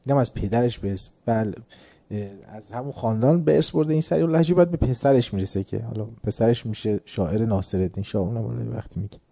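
A man's voice: mid-range voice, creaky, dark tone. A man giving a religious lecture, telling an anecdote in a conversational way and chuckling at his own story.

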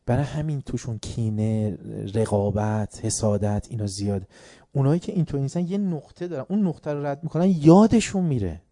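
A man's voice: medium pitch, expressive, warm tone, no room sound, studio quality. A man giving a religious lecture, telling anecdotes and acting out the dialogue, growing emphatic as he makes his points. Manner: storytelling, acts out dialogue, grows emphatic.

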